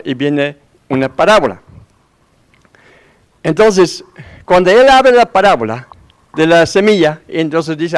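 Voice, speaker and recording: Male pastor, slightly high voice, conversational sermon full of rhetorical questions. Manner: conversational preaching with frequent rhetorical questions to the congregation; acts out quoted voices in his story.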